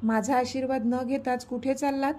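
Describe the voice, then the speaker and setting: A woman's voice: high-pitched, steady tone, moderate pace, mellow, lightly acted. A woman voicing a mischievous old grandmother who teases her grandchildren in a read-aloud story. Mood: sly. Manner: sly, teasing.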